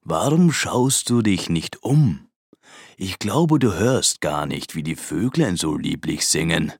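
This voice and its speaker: A woman voicing a sly, hungry male wolf who speaks slowly and coaxingly. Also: extremely low pitch, expressive, darkish tone, breathy edge, dry recording, studio quality, pitched below the performer's own voice, full character voice. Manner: slow, coaxing and sinister.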